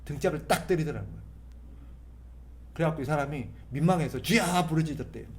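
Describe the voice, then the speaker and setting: A man's voice: a little high, quick pace, a little mellow, slight background noise. A male pastor preaching a sermon in a conversational way, asking rhetorical questions, answering them emphatically, and acting out sample prayers. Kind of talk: sermon at a Friday prayer meeting.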